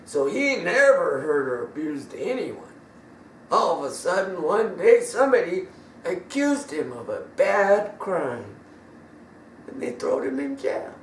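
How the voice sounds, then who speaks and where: Lively, slow-talking male storyteller. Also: sits high, distant mic, a little hiss or hum. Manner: animated, emphatic, casual grammar. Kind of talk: bible story told to children. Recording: echoey room from afar.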